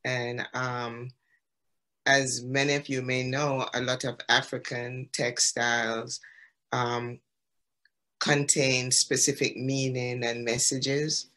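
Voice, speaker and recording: A man from the Caribbean, an exhibiting artist, explaining history and textiles in an unhurried, storytelling way over a video call gallery talk. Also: mid-range voice, level tone, pushed and bright. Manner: storytelling, explanatory with frequent ums.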